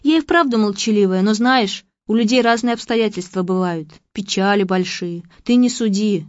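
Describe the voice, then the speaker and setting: A woman voicing a quiet, gently wise young woman who speaks calmly and earnestly. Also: mid-range voice, moderate pace, dry recording, muffled recording, natural voice.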